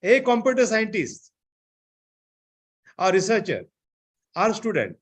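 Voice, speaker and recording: A man giving an online seminar lecture, often filling pauses with "I think, you know". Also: high voice, sing-song. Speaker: seminar speaker.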